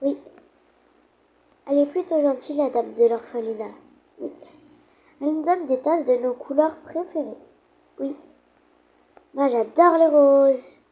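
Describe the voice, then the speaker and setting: A woman's voice: high voice, unhurried, pauses often, mellow, dull audio. A woman narrating and playing a child in a role-play game video, chatty and childlike.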